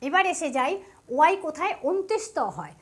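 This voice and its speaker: A woman gives an English pronunciation lesson in a high voice. She explains each rule patiently and often checks that her students are following. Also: big pitch swings, fairly quick. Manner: patient, explains step by step, asks "ঠিক আছে?" often. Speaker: English teacher.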